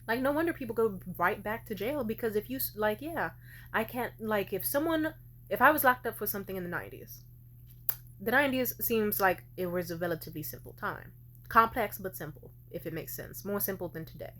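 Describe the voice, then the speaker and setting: A woman's voice: medium pitch, animated, a little fast, fairly bright tone. A hungover woman vlogger rambling through her opinions casually, with blunt, profane and digressive delivery.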